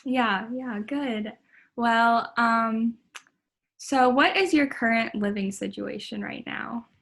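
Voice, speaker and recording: A woman's voice: fairly high pitch, takes it slowly, vocal fry, fairly bright tone. A young woman running a student clinical interview, friendly and tentative, with frequent ums.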